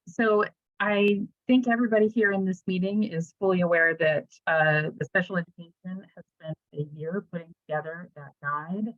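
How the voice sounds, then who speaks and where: A woman's voice: lowish voice, no room sound. A woman volunteer making an earnest appeal at an online membership meeting, her audio cutting in and out with uneven volume over a computer microphone. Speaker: parent group fundraising volunteer. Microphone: computer microphone on a video call. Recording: dull, dry lo-fi computer audio.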